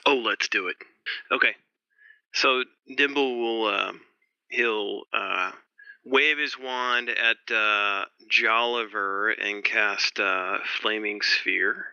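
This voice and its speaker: A man playing a tabletop game over voice chat, hesitant and halting with fillers, on dry muffled audio. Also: on the low side, gravelly, sharp tone, clear, resonant tone, dry recording. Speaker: player.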